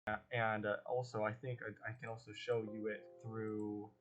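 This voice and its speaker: A man narrating as game master in a casual, halting way with many fillers. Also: fairly low pitch, flat delivery.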